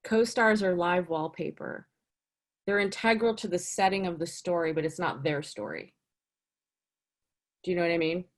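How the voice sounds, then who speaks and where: Woman, casting director, casual interview, chatty, animated, frequent fillers. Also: moderate pace, long pauses. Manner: chatty, lots of "you know" and "like"; lively, swings up in pitch for emphasis.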